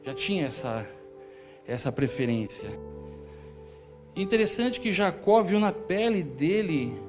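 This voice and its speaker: A man with a Brazilian Portuguese accent preaching a sermon in church, telling the story and acting out the characters' lines. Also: high voice.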